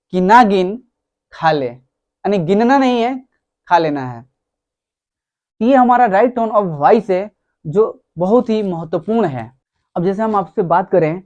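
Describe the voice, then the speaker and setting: Slow, mellow-voiced male motivational speaker. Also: high voice, muffled recording. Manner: slow, emphatic, repeats key words, addresses listeners as friends. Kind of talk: motivational talk.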